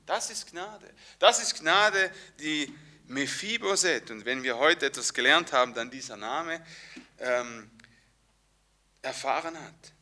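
A man preaching a sermon, telling the story vividly, moving between hushed and emphatic passages. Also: high voice.

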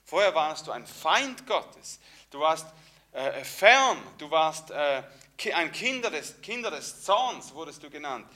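A man preaching a sermon, telling the story vividly, moving between hushed and emphatic passages. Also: fairly high pitch, very animated, measured pace.

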